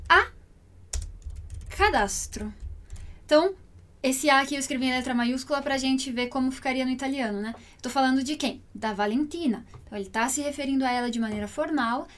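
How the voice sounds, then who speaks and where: A Brazilian woman with a high, light voice teaches Italian at an easy pace. She slows right down to say foreign phrases word by word so students can follow. Her delivery is patient and explanatory, like a language lesson. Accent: Brazilian Portuguese.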